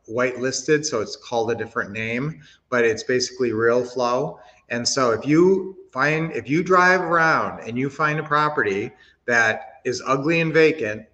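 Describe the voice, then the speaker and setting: A man's voice: medium pitch, a bit bright, highs cut off. A man from Minnesota hosting a real estate investing livestream, chatting casually, answering chat comments and teaching with lots of fillers and restarts.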